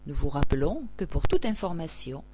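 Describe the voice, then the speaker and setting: A woman announcer reads scripted public announcements, like those heard at an airport or station, formally and at a measured pace. Her voice sits low and is warm in tone and very animated.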